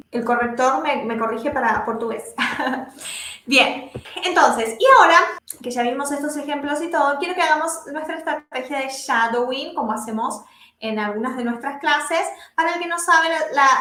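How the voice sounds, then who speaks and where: A woman teaching an English lesson live online, modeling phrases slowly and checking in with her students again and again. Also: sits high, bright, forceful tone, roomy sound. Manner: checks in constantly with "¿sí?" and "¿ok?".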